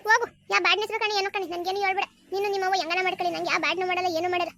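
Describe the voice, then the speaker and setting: Sharp-tongued village wife, very high, rapid, dry sound. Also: steady tone, no room sound, heavily acted. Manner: scolding, rapid complaints. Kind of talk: cartoon voice acting.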